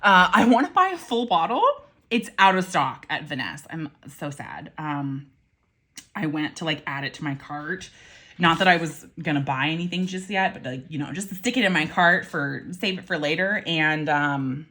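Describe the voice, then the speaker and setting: In a casual vlog about pens and inks, a woman with a deep, animated voice talks at a moderate pace with a sharp edge. She chats and rambles, full of ums and self-corrections, tossing in wry asides that sometimes include mild swearing.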